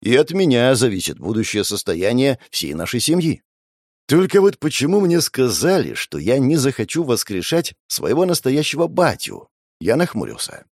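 A man's voice: medium pitch, very animated, normal speed, a little mellow, dry recording, clean studio sound. A man narrating a first-person fantasy audiobook in a sardonic, crude, wry way.

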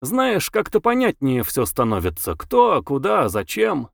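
A man voicing a gushing, excitable young woman. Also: a little high, unhurried, vocal fry, no room sound, clean studio sound, voice pushed up, heavily acted. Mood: excited. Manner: breathless, exclaiming, gushing. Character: lively chatty young woman, gossipy and excitable. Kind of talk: audiobook character voice.

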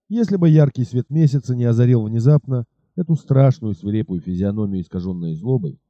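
Male narrator, expressive audiobook reading, animated pitch, dull dry recording. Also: dry recording.

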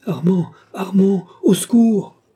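A man's voice: monotone, measured pace, warm tone, lightly acted. A man reading a novel aloud, voicing a terrified young woman who pleads and cries out. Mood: screaming. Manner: high cries, desperate.

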